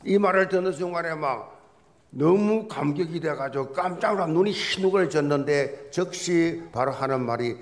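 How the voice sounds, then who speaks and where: A man's voice: a little high, normal speed. A man preaching a Sunday sermon in a church, a pastor with a folksy, joking storytelling manner. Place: church sanctuary.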